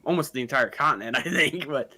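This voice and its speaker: A man co-hosting an anime podcast in casual chat, tossing in quick joking asides. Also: mid-range voice, a crowd in the background. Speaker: podcast co-host.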